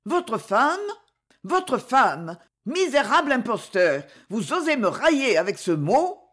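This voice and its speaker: A young widow in terror and revolt, as a woman narrator acts her out, her voice pitched high, hoarse and trembling. She cries out her lines with raw desperation, the sound of a dramatic audiobook scene. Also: very animated, measured pace. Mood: horrified.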